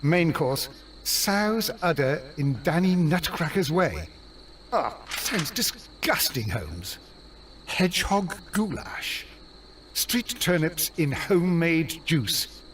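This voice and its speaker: Squeamish gentleman doctor, slow and high, heard from afar in game audio. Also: very animated, recorded from a distance, slight background noise, exaggerated voice. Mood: fussy. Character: Watson, a proper male doctor and companion.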